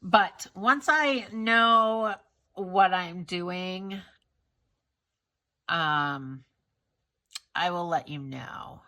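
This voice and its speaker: Stuffed up from a cold, a budgeting vlogger talks through her monthly spending in a relaxed, unhurried way. Her fairly low voice still sounds bright and forward, her blocked nose is audible, and she comes across as candid and self-critical, with lots of fillers and restarts.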